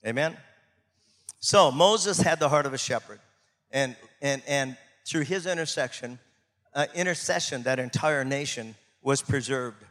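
A man's voice: medium pitch, unhurried, a bit bright, long reverb tail. A man preaching a sermon as pastor, emphatic and repeating words to drive points home.

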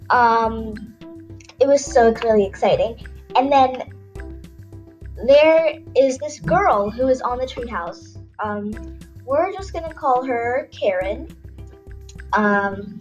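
A young woman spinning a personal story in a casual, rambling way, with plenty of filler words. Her voice sits fairly high. Faint music plays underneath. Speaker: podcast storyteller.

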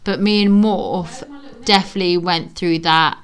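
A woman's voice: on the low side, fairly even intonation, unhurried. A young woman in casual chat with her sister, laid-back and laughing often.

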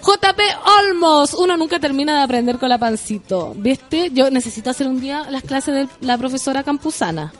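A woman with a Chilean accent hosting a radio show, chatting loudly and playfully in slang and reading out listener messages. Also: high voice, expressive, a little fast, few pauses. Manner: loud, playful, slangy, bursts into song.

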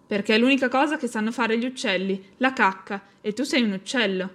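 A woman's voice: on the high side, normal speed, lightly acted. Woman doing a screeching mocking chimpanzee. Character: mean screeching female chimpanzee.

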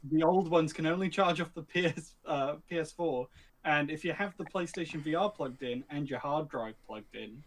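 A man's voice: on the high side, normal speed, a little hiss or hum. A man talking casually about games, hesitant and full of ums and likes.

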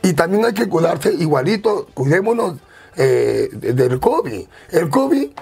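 Raspy, high-pitched Peruvian comedian. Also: male voice, a little slow. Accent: Peruvian Spanish. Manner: animated storyteller with a strong, loud voice. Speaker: comedian guest. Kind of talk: casual anecdotal interview.

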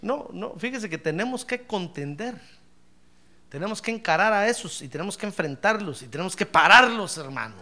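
A middle-aged man preaching a sermon as pastor, telling stories and calling his listener brother, swinging from hushed asides to loud praise. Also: sits high, moderate pace. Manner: animated storytelling, addresses listener as brother, swings from hushed to shouting. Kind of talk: sermon with anecdotes.

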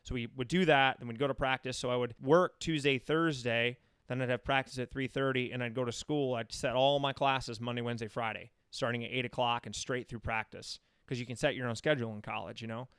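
A man's voice: mid-range voice, fairly even intonation, brisk, hardly any pauses, a bit bright, clean tone, no echo, studio quality. An American man in his thirties talking casually and at length, telling anecdotes as an interview guest. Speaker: interview guest, running coach. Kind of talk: casual chat.

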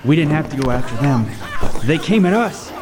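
A man whose voice is on the high side and close to everyday speech delivers brisk narration with lively intonation, lightly acted. He plays a lighthouse keeper telling his horror story with vivid, suspenseful intensity in a radio table read. The recording carries a roomy long reverb and faint noise.

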